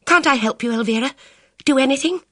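Woman reader doing a jittery young girl, pitched way up and loud, close dry sound. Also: a little fast, no echo. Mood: worried. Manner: breathless, high and agitated. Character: anxious excitable young woman on the phone. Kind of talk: audiobook character reading.

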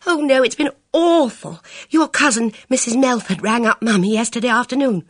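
Woman reader doing a jittery young girl, pitched way up and loud, close dry sound. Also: animated, fairly quick, dry recording. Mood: agitated. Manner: breathless, high and agitated. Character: anxious excitable young woman on the phone. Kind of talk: audiobook character reading.

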